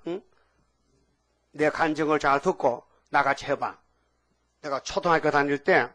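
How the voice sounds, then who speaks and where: An older man from the Korean countryside preaching a revival sermon, folksy and animated, often tossing in questions to the crowd. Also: a little high. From rural Korea. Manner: folksy, animated preaching with frequent rhetorical "응?" asides. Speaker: pastor.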